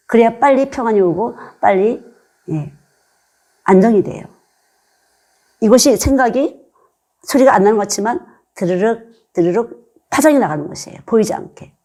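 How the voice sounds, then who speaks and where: A woman's voice: fairly high pitch, animated, moderate pace, pauses often, mellow. An older woman preaching a sermon as a missionary, earnest and conversational, asking her listeners rhetorical questions.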